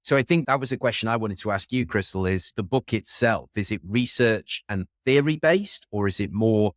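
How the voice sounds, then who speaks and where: A man's voice: lowish voice, moderate pace, dry recording, studio quality. A man hosting a podcast interview, welcoming and upbeat as he introduces his guests. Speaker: podcast host.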